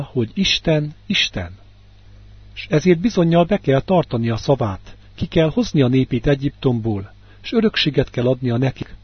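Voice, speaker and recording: A man's voice: mid-range voice, husky, dry recording. A man reading a sermon in an earnest manner, lifting his voice on key words, heard on a dull radio broadcast. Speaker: preacher.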